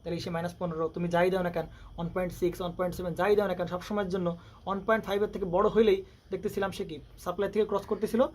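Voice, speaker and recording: An electronics tutor with a high-pitched, level, darkish voice gives a classroom lecture. He moves rapidly, constantly firing rhetorical questions at his students to quiz them, with faint background noise in the recording.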